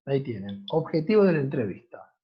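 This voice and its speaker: Argentine guy teaching a class over a call, kinda husky, dull lo-fi audio, keeps going "¿está?". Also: medium pitch, big pitch swings, a little fast. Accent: Argentine Spanish. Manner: checks in often and asks rhetorical questions. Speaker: university teacher. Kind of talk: online class lecture.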